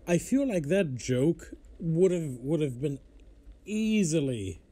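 Slow, mellow man teaching scripture casually. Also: fairly high pitch, sing-song. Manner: easily amused, apologetic, loose and informal. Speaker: host of a Bible teaching and gaming show.

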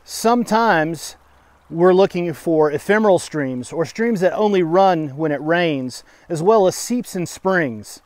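A middle-aged man working as a forester, explaining outdoors by a creek in a steady, plain-spoken way with occasional fillers. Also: a little high, a little slow, dry recording. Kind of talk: on-site educational explanation.

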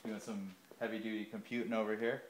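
This casual shop tour comes from a man in his thirties walking a large indoor parts warehouse, phone camera in hand, naming items as he passes. He talks fast in a fairly low, level voice. The warehouse echoes and hums faintly.

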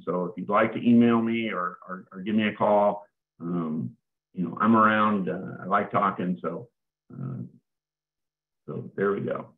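A man presenting a webinar talk, conversational and repeating words as he goes. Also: sits low. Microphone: remote call. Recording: tinny phone-like call audio.

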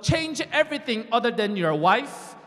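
A man's voice: extremely high pitch, sing-song, moderate pace, fairly bright tone. A man preaching a sermon in short phrases through an interpreter, calling on the congregation to answer and repeat after him, on a church stage with a handheld mic. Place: large church stage, indoors. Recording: reverberant hall.

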